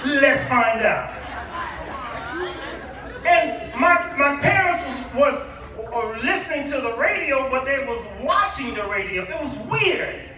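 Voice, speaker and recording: Crowd noise surrounds this middle-aged Chicago man, a guest preacher speaking to a congregation in a church hall. His very high-pitched voice moves slowly with lively intonation, and his delivery is nostalgic, theatrical, exclamatory and heavy on rhetorical questions. The echoey sound comes from a distant microphone.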